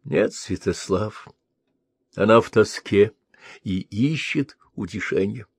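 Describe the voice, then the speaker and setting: A male reader voicing a gentle, wise three-eyed female spirit seer who soothes and prophesies. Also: fairly low pitch, takes it slowly, vocal fry, husky, no room sound, clean studio sound, heavily acted. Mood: soothing.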